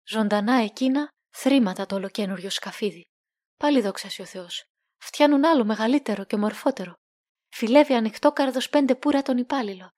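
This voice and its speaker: A woman's voice: fairly high pitch, darkish tone, no echo, natural voice. A woman reading the lines of an anxious middle-aged sea captain in a storybook, in a pleading way. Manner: trembling, pleading, then relieved.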